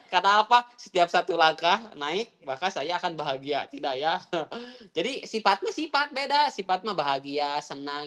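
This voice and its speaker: A woman teaching a Quran recitation class, asking students questions again and again. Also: lowish voice. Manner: questioning, repeats prompts to students. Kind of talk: online tajwid class.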